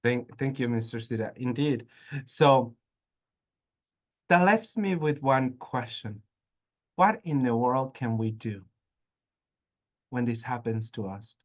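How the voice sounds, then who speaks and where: Male academic, earnest lecturing delivery with pauses, mid pitch, dull lo-fi audio. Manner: earnest, lecturing with frequent hesitations. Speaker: psychologist discussing counseling practice. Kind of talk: academic discussion.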